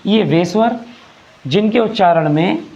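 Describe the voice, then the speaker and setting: A man with a high, gravelly voice teaches a grammar lesson in a patient, classroom way. He keeps repeating phrases and throws rhetorical questions at his students. The recording sounds dull and lo-fi. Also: lively intonation, unhurried, darkish tone.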